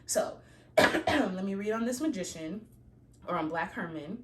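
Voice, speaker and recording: A woman's voice: medium pitch, lively intonation, measured pace, fairly bright tone, a little hiss or hum. A woman reading tarot cards and giving a casual, preachy pep talk, encouraging listeners to plan and believe in their dreams. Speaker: tarot reader.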